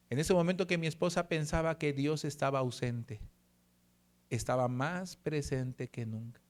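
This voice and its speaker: Middle-aged man, pastor telling a personal story in a sermon, earnest, slows down to quote scripture, voice in the middle of the male range. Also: medium pitch, a little mellow.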